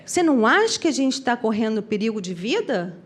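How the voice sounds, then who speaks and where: A woman's voice: on the high side, very animated, brisk, breathy edge. A woman voicing a frightened man who pleads and screams for help. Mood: pleading. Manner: loud, pleading cries.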